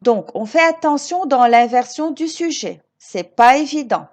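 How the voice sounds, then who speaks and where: A woman teaching grammar to children, slow and emphatic, repeating each example and encouraging her pupils with questions. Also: high voice, lively intonation, darkish tone. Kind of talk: recorded grammar lesson for children.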